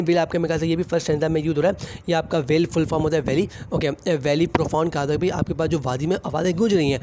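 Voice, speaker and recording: In a classroom, a young male teacher with a Pakistani Urdu accent explains a lesson, mixing in English terms and often saying "theek hai." His voice is fairly high with a darkish tone, and there's slight background noise.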